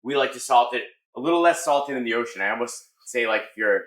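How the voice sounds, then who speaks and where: A middle-aged American man, a chef, explaining his cooking in a casual, halting conversational way. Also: mid-range voice, fairly bright tone. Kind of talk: casual cooking demonstration and chat. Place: restaurant kitchen. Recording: echoey kitchen room sound.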